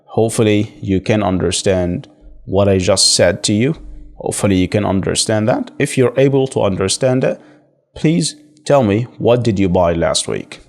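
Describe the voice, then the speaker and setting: A man with an Egyptian Arabic accent teaching English to beginners, explaining grammar fast and reading sentences slowly for learners to repeat. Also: fairly low pitch, vocal fry, darkish tone. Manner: slow deliberate English repetition for learners.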